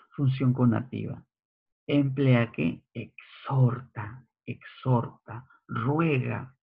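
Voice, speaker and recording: A male teacher giving a slide lecture, slowly repeating key phrases and asking rhetorical checks. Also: mid-range voice, vocal fry, slightly rough. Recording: tinny phone-like audio.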